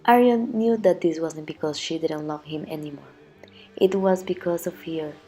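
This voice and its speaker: Mellow-voiced woman gravely narrating a myth. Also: sits low, normal speed, soft background music. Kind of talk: scripted narration of an ancient myth.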